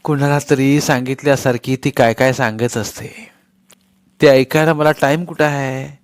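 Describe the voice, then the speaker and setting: A man's voice: medium pitch, fairly even intonation, moderate pace, dry recording, voice pushed up, close to an everyday voice. A man voicing a blunt, short-tempered working woman who scolds and grumbles. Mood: grumbling.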